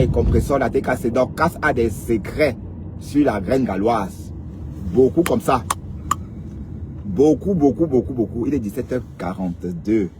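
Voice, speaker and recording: A man's voice: mid-range voice, background noise. Chatty man asking "hein?". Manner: rhetorical, peppers talk with questioning "hein?"; talks straight to viewers and commenters. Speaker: online gossip commentator. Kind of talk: casual live commentary on social media drama.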